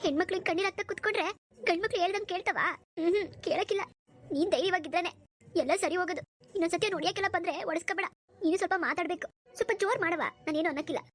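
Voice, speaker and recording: A woman's voice: extremely high pitch, rapid-fire. A woman voicing an older village mother-in-law in a cartoon, who consoles her daughter-in-law in a firm, motherly way. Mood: consoling. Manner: scolding then consoling, motherly. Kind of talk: cartoon dubbing.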